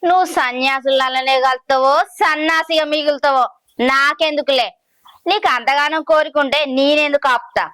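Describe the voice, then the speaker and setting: A woman's voice: high voice, fairly even intonation, normal speed, fairly bright tone, dry recording. A woman, playing a sarcastic village wife who taunts her husband. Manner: sarcastic, needling. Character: mocking village wife, the other of two.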